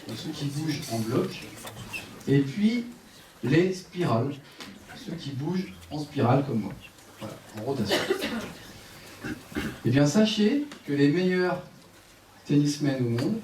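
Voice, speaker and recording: A man's voice: on the high side, lively intonation, unhurried, pauses often, a little mellow. A man giving a sports conference talk on a headset mic, leading the audience through exercises with a directive, joking manner. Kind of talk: live lecture with audience exercises. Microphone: headset microphone. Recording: echoey room, voice from a distance, faint room noise.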